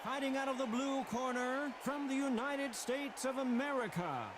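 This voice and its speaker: A man playing a boxing ring announcer giving slow, formal, drawn-out introductions. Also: very high-pitched, very noisy. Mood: ceremonial.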